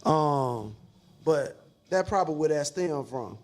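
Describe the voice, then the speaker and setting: A man's voice: on the high side, expressive, takes it slowly, darkish tone. A man, chatting casually and laid-back with plenty of slang and swearing. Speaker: podcast panelist. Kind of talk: casual chat.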